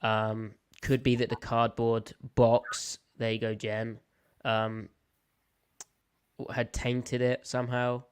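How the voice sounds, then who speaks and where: Slow and monotone, the medium-pitched voice of a young British sports podcast host comes through with a clean tone. On this casual live show he's playful and opinionated, and a slight cold leaves him a little snuffly.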